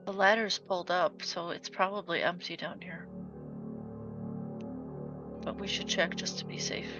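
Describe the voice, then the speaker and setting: A woman's voice: on the low side, fairly even intonation, unhurried. A woman chatting casually and bluntly as a player in a tabletop game. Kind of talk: casual chat. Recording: muffled, prominent music behind.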